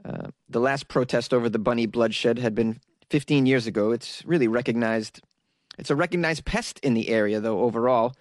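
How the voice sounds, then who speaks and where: Speaking at a normal speed in a medium-pitched voice, a solo news host reads articles aloud and drifts into sarcastic, rambling humor for his viewers. The sound is studio quality without any echo.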